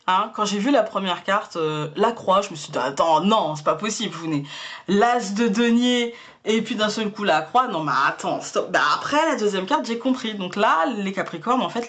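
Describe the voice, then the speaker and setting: A woman's voice: medium pitch, a bit bright. A woman hosting her own channel, giving a casual monthly tarot reading to camera in a chatty way, often repeating words as she searches for the next one. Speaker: tarot reader and channel host.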